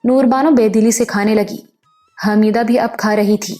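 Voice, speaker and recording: A woman calmly narrating a novel as an audiobook. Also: on the high side, faint music behind. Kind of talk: scripted narration.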